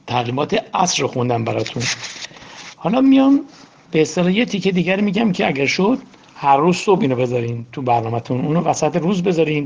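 Gravelly-voiced man giving a religious talk. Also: on the high side, darkish tone. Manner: conversational, asks the audience questions. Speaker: religious teacher. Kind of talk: informal religious lecture.

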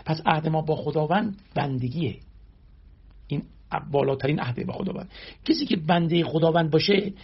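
A man's voice: fairly high pitch, husky. A man giving a sermon, explaining scripture verse by verse and answering his own rhetorical questions. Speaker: religious teacher. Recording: dull lo-fi recording.

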